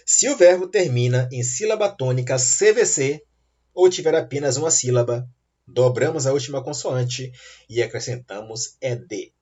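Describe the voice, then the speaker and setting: Heard on a dull lo-fi recording, a man of medium pitch with a slightly mellow voice gives an English grammar lesson. His explanations are slow and patient, punctuated by rising checks such as "tá bom?" so students can keep up.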